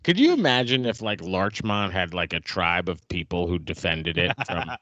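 A low male voice chiming in with quick jokes and short replies in relaxed podcast banter. The sound is close, dry and slightly dull. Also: no room sound. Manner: wisecracking, quick interjections. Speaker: podcast co-host. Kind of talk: casual chat.

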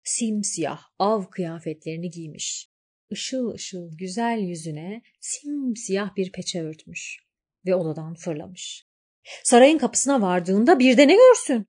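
A woman narrating a fairy tale, shifting between hushed lines and dramatic rises. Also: medium pitch, lively intonation, slow pace, husky. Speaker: storyteller.

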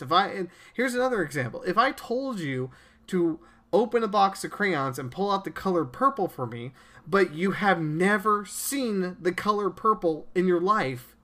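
Man, podcast host, earnest preachy monologue, stammering restarts, slightly high voice. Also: bright, forceful tone.

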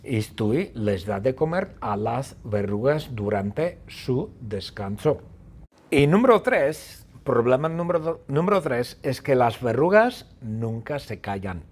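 Un hombre que narra un cuento absurdo de forma juguetona y repetitiva. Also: male voice, mid-range voice, measured pace, husky. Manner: playful, repetitive, animated. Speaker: storyteller. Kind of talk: playful story narration.

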